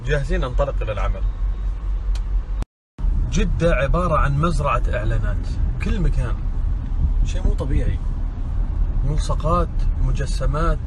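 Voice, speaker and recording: In his car and at a petrol station, a man speaking at medium pitch vlogs playfully to the phone he holds, exclaiming now and then. He's a social media vlogger making casual chat for the camera. Loud traffic noise is audible on the phone recording.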